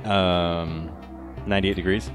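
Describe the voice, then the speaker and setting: Male co-host rambling podcast banter, very low voice, faint music underneath. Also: level tone, takes it slowly. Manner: jokey, rambling. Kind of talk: casual podcast chat.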